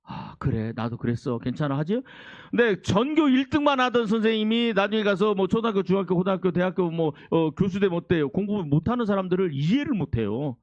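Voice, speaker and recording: Animated high-voiced Jeolla Korean pastor. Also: male voice, fast talker, few pauses, no room sound, dull audio. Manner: swings from loud exclamations to hushed near-whispers. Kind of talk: sermon.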